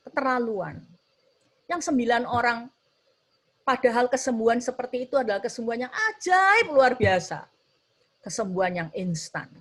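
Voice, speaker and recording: A woman teaching a children's church lesson, telling a story with lively, animated delivery and acted-out voices. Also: husky. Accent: Indonesian. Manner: animated, acts out quoted voices with sudden high pitch jumps.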